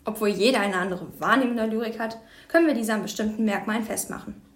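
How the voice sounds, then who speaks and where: A woman's voice: mid-range voice, fast, echoey room. A woman reading definitions steadily in a scripted school lesson. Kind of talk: scripted educational narration.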